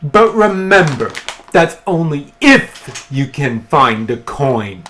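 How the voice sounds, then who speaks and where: Cold strategist guy, gamer reading him out, slow and measured, voice moves around a lot. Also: mid-range voice, sing-song, fairly bright tone, a little hiss or hum. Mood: stern. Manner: reads game dialogue aloud, slow and measured. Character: cold, calculating male strategist. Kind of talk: reading game dialogue aloud.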